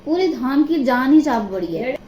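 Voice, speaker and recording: A woman's voice: sits high, expressive, normal speed, muffled recording, slight background noise. Chatty woman vlogger, echoey phone sound. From Himachal Pradesh, India. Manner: gushing, chatty, repeats herself for emphasis. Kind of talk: casual vlog chat.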